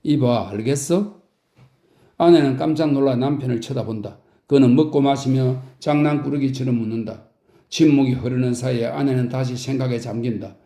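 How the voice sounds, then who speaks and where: A man calmly narrating a novel as a sleep audiobook, in an even reading voice and a roomy recording. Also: medium pitch, a little fast. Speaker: audiobook reader. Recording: roomy echo.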